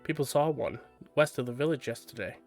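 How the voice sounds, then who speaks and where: A man's voice: medium pitch, brisk, vocal fry, soft background music, close to an everyday voice. A man reading aloud and voicing a stubborn, feisty young girl who talks bluntly and with sass. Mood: blunt sassy. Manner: blunt, sassy, exasperated.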